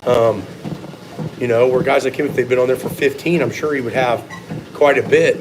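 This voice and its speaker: A man's voice: medium pitch, fairly even intonation, moderate pace, background noise. A man giving blunt, opinionated, sometimes profane answers in a casual live question-and-answer chat as a strength coach.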